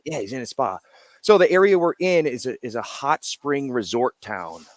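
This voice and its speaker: A man talks loosely and casually as a guest, explaining his brewery's cans one by one. His voice sits at an ordinary middle pitch. The sound is close and dry, with no room behind it. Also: very animated, moderate pace, no echo. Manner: explains while showing cans, loose and chatty. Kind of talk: casual interview chat. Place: brewery in a Japanese spa town.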